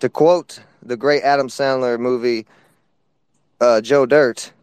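Dude giving laid-back advice in a chat, dry close mic. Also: male voice, medium pitch, steady tone, slow pace, darkish tone, clean tone, dry recording. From East Tennessee. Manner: laid-back, preachy at times. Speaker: guest. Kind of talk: casual chat.

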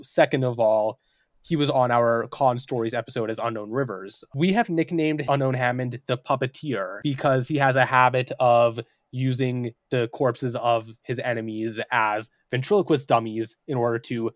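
Man, podcast game master, lively storyteller, mid voice, dry close sound. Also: mid-range voice, no echo. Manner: animated, acts out characters while telling stories.

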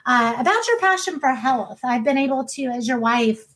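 A woman in her thirties hosting a podcast in an enthusiastic, warm way, with frequent ums. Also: sits high, lively intonation, normal speed, low-quality recording. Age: 30s. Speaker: podcast host. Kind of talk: casual podcast talk.

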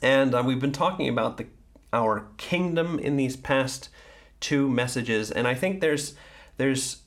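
A man hosting a casual commentary on a spiritual book, talking in a thoughtful, hesitant way with many pauses and restarts. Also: mid-range voice. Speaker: host.

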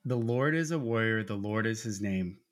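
A man's voice: lively intonation, normal speed. A man in his forties telling a personal story in an earnest, conversational way, talking about his faith. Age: 40s. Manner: earnest storytelling, acts out quotes with raised pitch. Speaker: podcast co-host. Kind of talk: faith-based conversational talk.

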